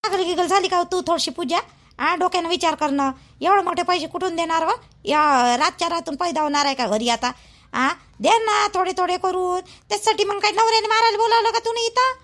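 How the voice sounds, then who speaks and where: A woman's voice: very high-pitched, a little fast, fairly bright tone. Woman playing a scolding village mother-in-law. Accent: Vidarbha Marathi. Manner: scolding, pleading.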